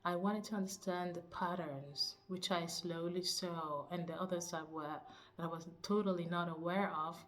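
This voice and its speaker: A woman from Cuba, a teacher and spiritual coach, introducing herself to camera in a soft, searching way, often laughing and pausing to find words. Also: fairly low pitch, steady tone.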